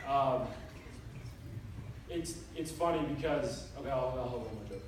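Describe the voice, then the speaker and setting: A man in his twenties giving an informal wedding toast as best man, in a joking, casual, halting way. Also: mid-range voice. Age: 20s. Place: large room at a wedding reception with guests. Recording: echoey noisy hall, picked up from far off.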